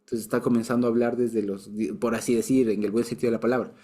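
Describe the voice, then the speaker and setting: A man's voice: medium pitch, flat delivery, fast, mellow, husky. A man teaching a casual Bible lesson, explaining patiently with restarts and light chuckles.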